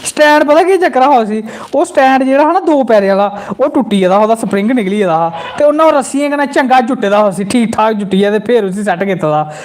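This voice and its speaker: Speaking very fast with few pauses in a very high voice, this Dogri-accented man from Jammu runs a comedy channel. On his live stream, he spins a comic tale, reads out comments from viewers, and breaks into character voices.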